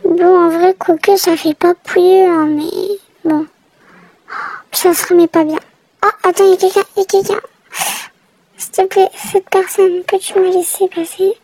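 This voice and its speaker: A woman's voice: very high voice, little pitch movement, normal speed, creaky, darkish tone, dry recording, poor audio. A woman giving chatty, exasperated running commentary while she plays a game. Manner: chatty, reacting aloud, exasperated. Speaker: gamer narrating her play.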